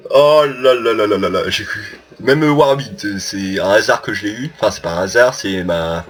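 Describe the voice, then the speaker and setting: A man giving casual gameplay commentary, taunting his opponents and getting excited over his kills. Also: lowish voice, moderate pace, soft background music.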